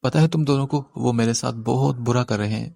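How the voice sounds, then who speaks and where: A man narrating an audiobook takes on the part of a volatile young woman, her tearful, sobbing complaints giving way to shrill, bossy threats. His voice is creaky and mellow. The studio sound is clean, with no room sound.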